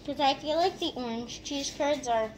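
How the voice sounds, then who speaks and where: A woman's voice: high-pitched, normal speed. Young woman talking behind her hand. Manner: chatty, talking while chewing. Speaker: vlogger. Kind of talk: casual food-tasting vlog. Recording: clear background noise.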